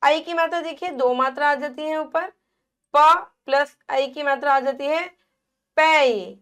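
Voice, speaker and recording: A woman teacher giving a lesson to young children, sounding out syllables slowly and asking them questions. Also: high-pitched, fairly even intonation, fairly bright tone. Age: adult. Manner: slow, drawn-out sounding of syllables; asks the children questions and repeats answers.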